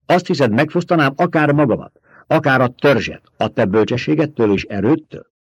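A man reading the part of a stern, commanding young desert leader with a sharp, forceful way of questioning. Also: medium pitch, lively intonation, husky, dry recording, pitched above the performer's own voice. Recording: dull, dry recording.

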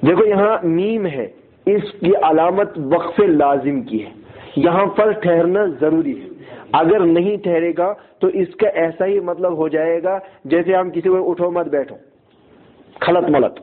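A man teaching a Quran recitation lesson. He explains the rules, asks students if they follow, and slowly chants the verses as examples. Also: on the high side. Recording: tinny phone-like lo-fi audio.

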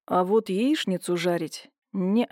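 Audiobook: a woman doing a teasing young lover, lower, hushed voice. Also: a little slow, dry recording, clean studio sound, close to an everyday voice. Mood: cheerful. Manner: teasing, warm and easygoing. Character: cheerful playful young man, a lover.

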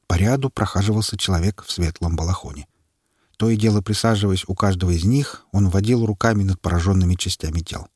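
Husky low-voiced male narrator. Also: a little mellow, no room sound, studio quality. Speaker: audiobook narrator. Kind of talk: first-person fantasy narration.

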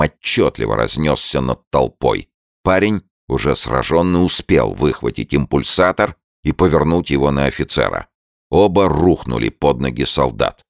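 A man's voice: rumbling low, creaky, dry recording, studio quality. A man narrating an audiobook with dramatic storytelling.

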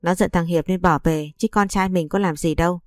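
A woman's voice: fairly low pitch, fairly even intonation, a little fast, no room sound, faint music behind, lightly acted. A woman voicing a cold, scheming middle-aged mother-in-law who talks in a curt, dismissive way. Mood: scolding.

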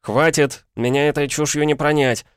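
A man voicing an indignant, pompous older gentleman stuck in a schoolboy's life, in an audiobook. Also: medium pitch, brisk, clear, resonant tone, no echo, studio quality, voice pushed up, natural voice. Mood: furious. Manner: outraged, shouting, pompous.

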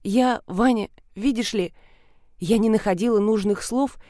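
A woman narrating an audiobook in a clear, even reading. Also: medium pitch, a little slow, no echo, clean studio sound.

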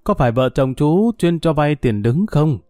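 A man's voice: on the high side, lively intonation, mellow, no echo, clean studio sound, faint music behind, close to an everyday voice. A man putting on a bitter drunk old woman. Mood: boastful. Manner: coarse, grumbling, slow drawling monologue. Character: bitter drunk older woman cursing men.

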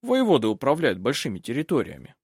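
A man playing a self-assured older French baron in an audiobook, husky and measured. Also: medium pitch, wildly swooping pitch, darkish tone, dry recording, studio quality. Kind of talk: audiobook character reading.

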